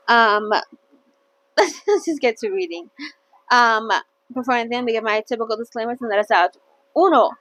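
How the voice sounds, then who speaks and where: A woman with a fairly high, fairly bright voice hosts a casual, chatty read-along of a novel, staying playful as she often stumbles and corrects herself. The audio quality is poor.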